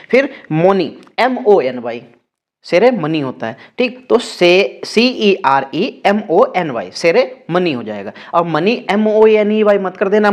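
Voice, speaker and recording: A young man teaching an exam-prep vocabulary lesson, spelling words out letter by letter. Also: high-pitched.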